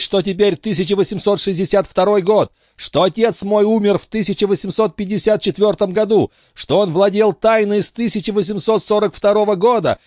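A man voicing an excitable, hot-tempered old sea captain who shouts in high, agitated bursts. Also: no room sound, clean studio sound. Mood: frantic.

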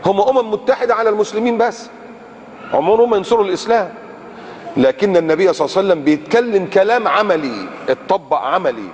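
Male preacher with an Egyptian Arabic accent, fairly high voice, dramatic and questioning, long hall reverb. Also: rapid-fire. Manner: dramatic, with rhetorical questions and big swings from loud highs to low murmurs. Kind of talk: sermon. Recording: long hall reverb, faint background noise.

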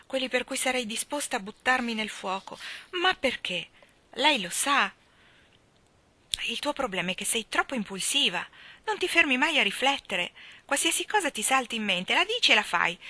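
A pleading, impulsive orphan girl from a storybook, as a woman reader puts her on. The voice climbs high and sounds bright and keen. The recording is dry and close. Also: no room sound. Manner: dramatic, pleading, rises high. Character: impulsive dreamy red-haired orphan girl.

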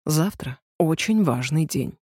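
A woman reading an audiobook, voicing a gloomy male maestro who speaks curtly and coldly in a lower voice. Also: expressive, slow pace, darkish tone, husky, no room sound, studio quality, heavily acted. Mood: stern. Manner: curt and cold.

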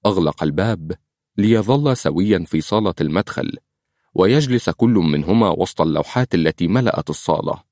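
A man with an Egyptian accent narrating an audiobook in a measured storytelling manner. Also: sits low, darkish tone, no echo, studio quality. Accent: Egyptian Arabic.

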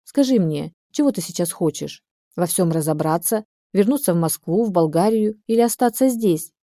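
A woman reading the part of a calm, helpful German man in an audiobook, steady and reassuring. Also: lowish voice, normal speed, dry recording, studio quality.

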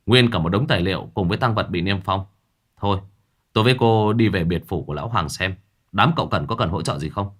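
A man's voice: sits low, fast talker, a bit bright. A man doing a breathless young male officer. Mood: brisk.

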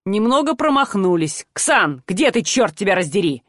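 A stern man growls firm words to keep others steady, as a woman reads him aloud. His tone is blunt, audiobook style. The sound is dry and close. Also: mid-range voice, moderate pace, no room sound.

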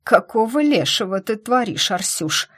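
A woman voicing a stubborn, fussy middle-aged witch mother with a chatty, slightly husky voice. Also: on the high side, expressive, normal speed, fairly bright tone, pitched above the performer's own voice.

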